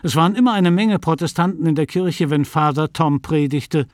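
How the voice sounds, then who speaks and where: A man's voice: on the high side, moderate pace, a little mellow, no room sound, clean studio sound, pitched above the performer's own voice, lightly acted. A man reading an eager, agreeable middle-aged Dublin man. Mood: agreeing.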